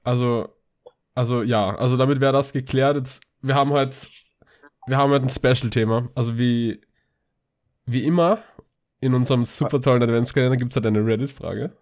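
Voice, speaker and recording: A man's voice: mid-range voice, fairly even intonation, normal speed, a little mellow. A young man hosting a casual podcast with friends, often laughing and tripping over his words. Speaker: podcast host. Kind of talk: casual chat among friends.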